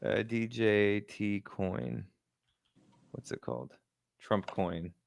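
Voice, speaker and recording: A man co-hosting a casual comedy talk show, wry and quick with asides, often laughing. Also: fairly low pitch, creaky. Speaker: comedy podcast co-host. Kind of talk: casual chat.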